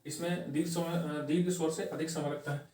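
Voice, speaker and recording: A man teaching grammar for exam prep, posing questions and answering them himself, repeating key phrases slowly and tagging lines with "okay". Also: a little high, little pitch movement, darkish tone. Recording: echoey room, voice from far off the mic.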